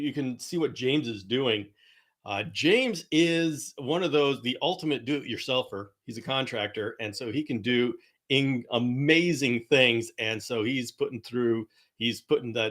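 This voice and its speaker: A man's voice: medium pitch, a bit bright. A man hosting a live stream, chatting casually with viewers, rambling with fillers, laughing and apologizing often. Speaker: host of a live chameleon show.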